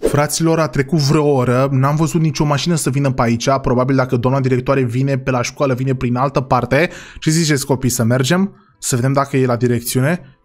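A man playing a father in a role-play game, talking excitably and often saying "God forgive me". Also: medium pitch.

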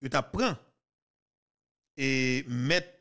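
A man in his thirties with a Haitian accent, giving heated, mocking political commentary on a podcast, with sudden loud outbursts. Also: medium pitch, drawn-out words. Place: small studio. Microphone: studio mic with headphones.

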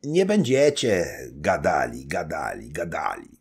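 A man voicing a boastful, jovial old nobleman in an audiobook, talking loudly and mockingly. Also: rumbling low, huge pitch swings, measured pace, slightly rough, exaggerated voice. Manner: loud, blustering, mocking.

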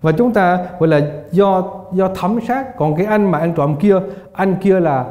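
A man's voice: high voice, normal speed, a little mellow. An older man giving a Buddhist lecture, often asking his students rhetorical questions and laughing as he tells anecdotes. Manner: asks the class rhetorical questions and laughs while telling stories. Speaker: Buddhist teacher. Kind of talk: dharma lecture. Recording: echoey, dull lo-fi hall recording.

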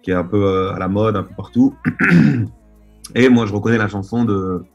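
Deep husky man on a video call. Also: moderate pace, faint music behind. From Marseille, France. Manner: rambling, many hesitations and restarts. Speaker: DJ and producer guest. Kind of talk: casual interview storytelling. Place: dim room at home. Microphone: video call webcam.

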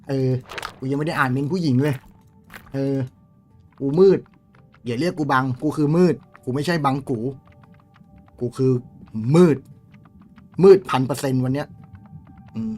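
A young man streaming a game live, chatting with viewers in a crude, swearing, excitable way. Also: medium pitch, normal speed, pauses often, faint music behind.

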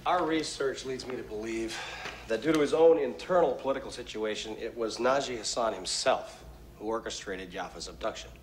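An actor playing a middle-aged American intelligence analyst, briefing superiors gravely, deliberately and with firm deference. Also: male voice, mid-range voice, slight background noise, natural voice. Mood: earnest, firm. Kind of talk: film drama acting. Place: conference room.

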